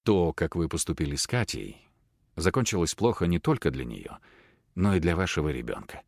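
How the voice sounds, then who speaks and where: Man as a cold, composed professor, low and quiet, measured delivery. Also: creaky, no echo, studio quality, full character voice. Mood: calm, cold. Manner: calm, measured, detached. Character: calm, cold middle-aged male professor.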